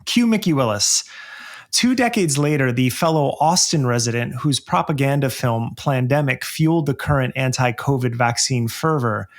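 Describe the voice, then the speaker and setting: A male podcast co-host with a mid-pitched voice talks in a relaxed, conversational way. He uses fillers now and then and moves easily between chatting and reading a segment. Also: normal speed. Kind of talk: casual podcast talk and scripted segment.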